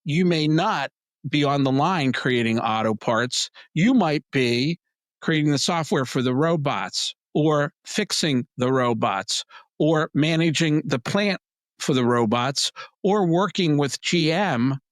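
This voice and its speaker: A man answering interview questions, emphatic and plain-spoken, his voice worn and going hoarse. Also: slow, no echo. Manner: emphatic, plain-spoken, animated pitch jumps. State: losing his voice. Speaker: PR agency head, guest.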